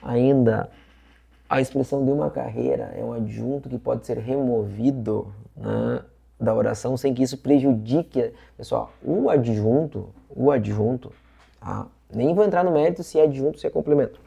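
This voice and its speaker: Gravelly-voiced man teaching a lesson. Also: medium pitch, normal speed, dark tone, highs cut off. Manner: chatty, repeats points with frequent "tá?" and "ó". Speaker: exam prep teacher. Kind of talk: casual online lesson.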